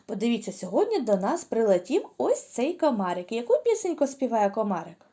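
A woman's voice: fairly high pitch, very animated, brisk, mellow. A woman teaching a lesson to small children, speaking patiently and drawing out sounds in sing-song drills. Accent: Ukrainian. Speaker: preschool teacher.

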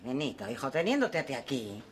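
A woman's voice: very deep voice, very animated, brisk, slight background noise. An older woman with a Spanish accent playing a doting, fussing mother in a sitcom. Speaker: sitcom character, elderly mother. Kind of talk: sitcom acting.

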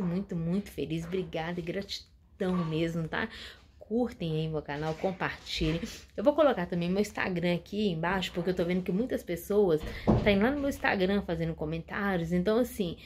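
A woman's voice: lowish voice, a little hiss or hum. A woman hosting her channel, giving a casual inspirational talk to her viewers and repeating words for emphasis. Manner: warm addresses to the audience, repeats words for emphasis. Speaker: channel host.

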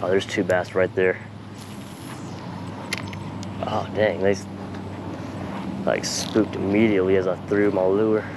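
A man with a slightly creaky voice chatting casually and in slang to viewers as he hosts a fishing vlog outdoors. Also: low-pitched, flat delivery, moderate pace, noisy background. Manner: laid-back, slangy, talking to viewers. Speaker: fishing vlogger and host. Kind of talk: casual chat while fishing. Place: outdoors by a small pond.

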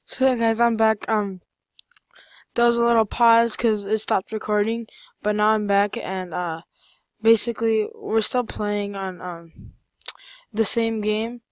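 A woman giving casual, rambling commentary over her own gameplay, full of fillers and sudden excited outbursts. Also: mid-range voice, measured pace, no echo.

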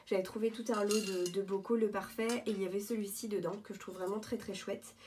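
Mellow-voiced woman chatting casually. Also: medium pitch, fairly even intonation, fast, slight background noise. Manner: chatty, hesitant with many fillers and restarts. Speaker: vlogger showing thrift finds. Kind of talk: casual show-and-tell vlog. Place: at home, indoors.

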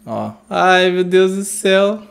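A Brazilian man with a high-pitched voice reacts to a movie trailer. He talks in an effusive, exclamatory way and gushes over each scene as he comments on it. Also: lively intonation, slow pace, creaky, a bit bright. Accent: Brazilian Portuguese.

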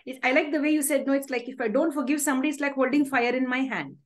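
A woman's voice: high-pitched, very fast. A woman in her thirties with an Indian accent, hosting a video-call interview in an effusive, polite, affirming way. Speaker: interview host. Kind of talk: conversational interviewing. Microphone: video call microphone.

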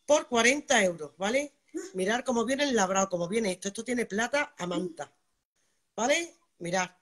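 Chatty bright-voiced woman selling live. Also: a little high, expressive, moderate pace. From Spain. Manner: chatty, keeps asking "vale", greets viewers by name. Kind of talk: live-stream sales pitch.

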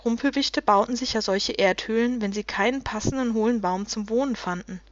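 A woman's voice: fairly high pitch, brisk, no room sound. Woman reading a children's book aloud. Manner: expressive, dramatic storytelling. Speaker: reader. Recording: dull, dry home recording.

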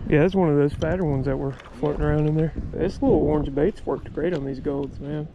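A fishing vlogger with a high, creaky voice chats excitedly outdoors at a trout stream, talking briskly in a folksy, exclamatory style with some mild swearing. The sound is lo-fi, and the surrounding ambient noise comes through clearly.

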